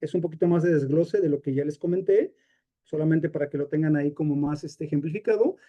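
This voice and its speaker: A man's voice: a little high, quick pace, dark tone. A man with a Mexican accent teaching a live workshop on grief, talking in a conversational way with many fillers and personal examples. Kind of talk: live masterclass lecture.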